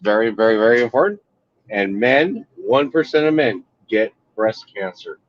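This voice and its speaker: A man's voice: on the low side, expressive, moderate pace, no room sound, highs cut off. A man, a truck driver co-hosting a live stream, trading playful jokes and banter. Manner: joking, playful public-service spiel. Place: inside a truck cab.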